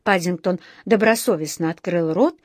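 A woman narrating a children's audiobook in a measured, expressive way. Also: on the low side, no echo, clean studio sound.

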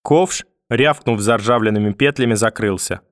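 A man's voice: lowish voice, dry recording. Man reading a story aloud, dry and close. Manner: measured, expressive reading. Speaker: narrator. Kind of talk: scripted narration of a story.

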